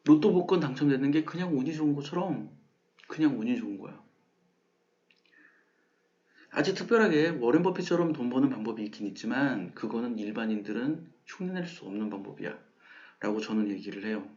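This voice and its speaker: Male math host, conversational lecture delivery, acts out quoted questions, mid pitch, slightly dull audio. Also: lively intonation, fast, darkish tone. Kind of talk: casual explanatory lecture.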